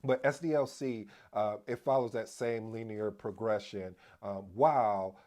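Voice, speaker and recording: A man hosting a casual explainer video on project management, addressing viewers as family, energetic and prone to restarts. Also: lowish voice, unhurried. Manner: restarts and repeats himself as he talks. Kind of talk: casual explainer talk to camera.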